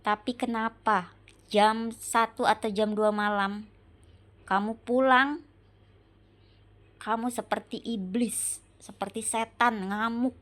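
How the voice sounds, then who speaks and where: Slow, aggrieved woman. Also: a little high, fairly even intonation, a bit bright. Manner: slow, repetitive, pleading rhetorical questions. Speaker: wife venting on camera. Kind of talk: emotional monologue addressed to her husband.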